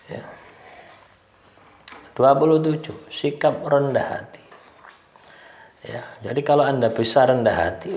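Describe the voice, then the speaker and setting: A man's voice: medium pitch, vocal fry, darkish tone. A man giving a casual talk, working through a numbered list of tips and adding "ya" after nearly every phrase. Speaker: spiritual self-help speaker. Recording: roomy, slightly dull sound.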